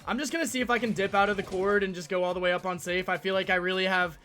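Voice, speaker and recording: Young man, very high voice, bright tone, frustrated gameplay commentary, yelling at teammates, hoarse from getting sick. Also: fairly even intonation, rapid-fire, faint music behind. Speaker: gaming YouTuber.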